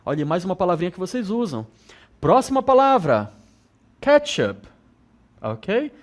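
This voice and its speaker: A man from northern Brazil with a regional accent, teaching an English lesson to students and repeating words slowly with frequent check-ins. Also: high voice, sing-song. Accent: northern Brazilian Portuguese. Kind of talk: televised school lesson.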